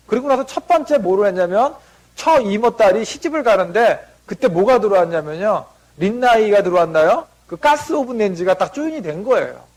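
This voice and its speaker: A man giving a motivational seminar talk before an audience, telling family stories and acting out what relatives said. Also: sits high. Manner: anecdotal, acts out family members' lines in quotes.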